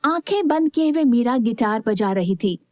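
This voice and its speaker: A woman narrating a scripted audio story in a calm, even storytelling manner. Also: fairly high pitch, normal speed, no echo.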